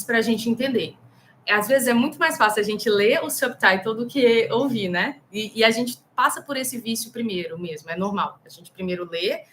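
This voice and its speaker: A Brazilian woman with a Brazilian Portuguese accent, teaching English in a casual, animated live lesson and talking straight to her viewers. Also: medium pitch, slight background noise.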